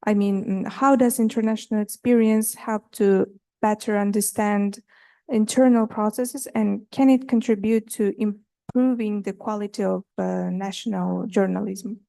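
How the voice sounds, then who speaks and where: A woman's voice: medium pitch, fairly even intonation, moderate pace, gravelly, mellow, no room sound. A woman, a student, asking a long formal question carefully, with fillers.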